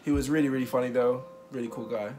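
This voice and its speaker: A man's voice: mid-range voice, steady tone, quick pace. A man of twenty-one chatting casually in a vlog interview, rambling with fillers and frequent laughs. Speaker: vlogger.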